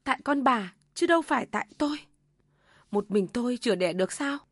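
A woman voicing a gentle young wife who speaks softly through tears. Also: fairly high pitch, normal speed, dry recording, clean studio sound, close to an everyday voice. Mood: bitter. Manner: soft, tearful pleading.

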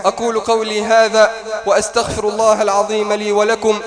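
A man preaching a sermon in a mosque, telling a moving story and rising to impassioned near-shouting. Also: sits high, monotone, a little fast, crowd noise.

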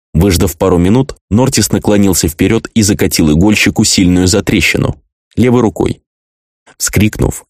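A man narrating an audiobook in a measured, even storytelling manner. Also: low-pitched, no room sound, clean studio sound. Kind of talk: scripted narration.

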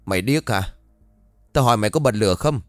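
A man's voice: on the low side, lively intonation, fairly quick, no echo, studio quality, soft background music, natural voice. A man voicing a drunk, insolent young village thug with a slurred, rude drawl.

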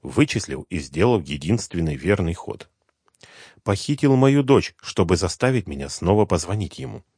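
Low, lively male audiobook narrator. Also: normal speed, hardly any pauses, slightly rough, no echo, clean studio sound. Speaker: audiobook reader. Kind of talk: first-person audiobook narration.

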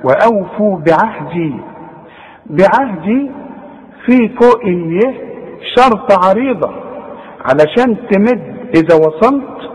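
A man with an Egyptian Arabic accent teaching Quran recitation. He corrects a student patiently, demonstrates words slowly, then explains fast. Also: high-pitched, lively intonation, long reverb tail, poor audio. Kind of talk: tajweed lesson correcting a student.

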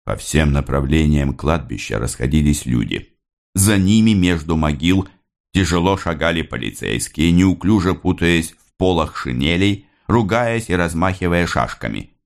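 A man narrating an audiobook with measured, dramatic storytelling. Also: extremely low pitch, expressive, vocal fry.

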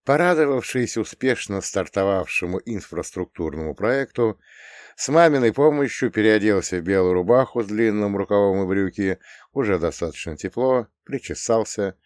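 Male audiobook reader with a low voice, dry and close, telling the story wryly in the first person. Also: animated, normal speed, no room sound.

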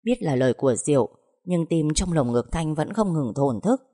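A woman reading a romance story aloud in a calm, expressive way. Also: low voice, moderate pace, dry recording, clean studio sound. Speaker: audiobook narrator. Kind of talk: storybook narration.

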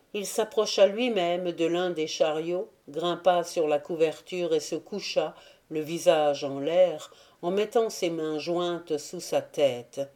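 A woman reading a classic novel aloud as an audiobook narrator, in a slow, measured way. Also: fairly low pitch, warm tone. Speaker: audiobook reader. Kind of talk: scripted narration.

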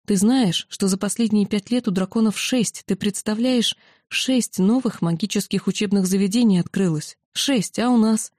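A woman's voice: mid-range voice, normal speed, darkish tone, dry recording, studio quality, close to an everyday voice. A woman voicing a worried, talkative young female mage student in a storybook reading. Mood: worried, insistent. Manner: urgent, insistent.

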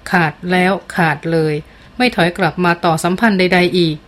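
A woman narrating a dramatic novel as an audiobook reader, in a measured and expressive manner. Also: lowish voice.

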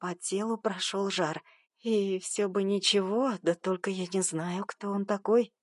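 A young woman reading a first-person story aloud in a lively, sarcastic, conversational way. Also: medium pitch, unhurried, no room sound, studio quality. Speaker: audiobook narrator.

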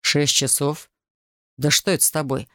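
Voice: medium pitch, little pitch movement, normal speed, pushed and bright, dry recording, studio quality, voice pushed down, natural voice. A reader voicing a stubborn young male officer who answers in a curt, restrained way in an audiobook. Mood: indignant. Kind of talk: audiobook character voice.

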